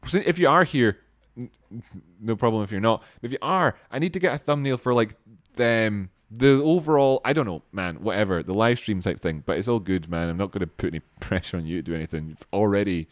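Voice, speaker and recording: A man's voice: low-pitched, fast, no room sound. A man hosting a live stream, casually thanking viewers by name in a rambling, self-deprecating way with many restarts.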